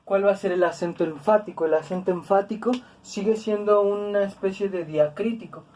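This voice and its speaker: A woman's voice: medium pitch, brisk, mellow, distant mic. A woman teaching a grammar lesson, patient and repetitive, with tag questions and fillers. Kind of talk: explanatory lesson.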